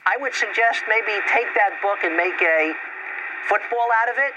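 A man on a speakerphone call, a lab scientist giving test results in a calm, matter-of-fact way with a dry joke. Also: high voice, moderate pace. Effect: speakerphone over a phone call. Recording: noisy phone line on speakerphone.

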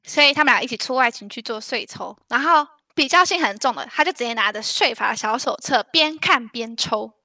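A young woman in casual chat, chatty and quick to react, sharing anecdotes with a laugh. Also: on the high side, lively intonation, pushed and bright, no room sound, clean studio sound.

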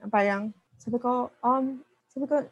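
A woman's voice: on the high side, normal speed, breathy edge, dull audio. A woman telling a personal story in a casual, chatty way, with lots of fillers and asides.

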